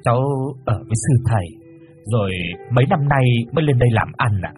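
A man voicing a humble, poor young man who stammers and hesitates, speaking softly and low. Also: expressive, moderate pace, faint music behind, close to an everyday voice. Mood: timid.

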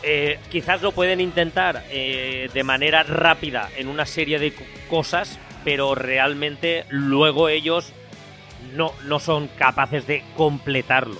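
A man's voice: a little high, fairly even intonation, a little slow, pushed and bright. Spanish man hosting a music podcast. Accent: Spain. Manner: thoughtful, repeats phrases while building an argument. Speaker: podcast host. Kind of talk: casual music chat.

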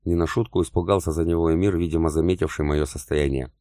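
A male audiobook narrator telling a story in the first person. His voice is extremely deep and his delivery steady and measured. The recording is dry, with no room sound. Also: no room sound.

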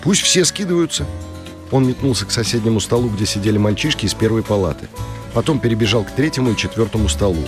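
A man reading a children's story aloud in an even storytelling manner. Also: lowish voice, fast. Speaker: audiobook narrator. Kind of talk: scripted narration. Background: music.

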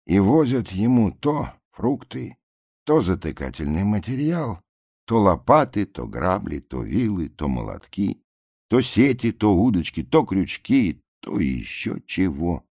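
A man reading a satirical tale aloud, acting out the characters' cries and arguments with much higher voices. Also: very animated, a little slow, no room sound, clean studio sound. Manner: acts out the shouting passengers and officer with much higher voices. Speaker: narrator.

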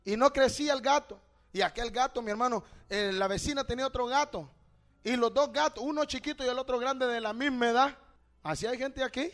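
High-pitched guy preaching hard, goes loud then hushed, keeps saying brother and asking questions. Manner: fervent, swinging between loud exhortation and hushed storytelling; addresses listeners as brother, asks rhetorical questions. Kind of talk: evangelical sermon.

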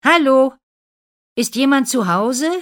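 A woman voicing an eager, insistent young prince who calls out loudly in a storybook reading. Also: deep voice, big pitch swings, measured pace, breathy edge, heavily acted.

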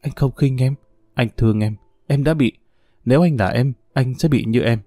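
Male narrator does tormented young lover, low intense vows, dry close audiobook read. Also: normal speed, warm tone, no echo, natural voice. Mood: anguished. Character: anguished young man, vengeful lover.

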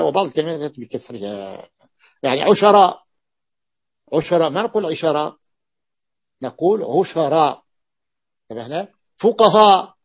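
Gravelly-voiced man teaching a class. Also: on the high side, muffled recording. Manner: repeats patterns, quizzes the class with questions. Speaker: teacher explaining Arabic morphology. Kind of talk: classroom lesson.

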